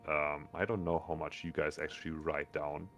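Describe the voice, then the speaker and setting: A man with a low, gravelly, sonorous voice running a tabletop game as game master, rambling with many fillers. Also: level tone, moderate pace, fairly bright tone, highs cut off.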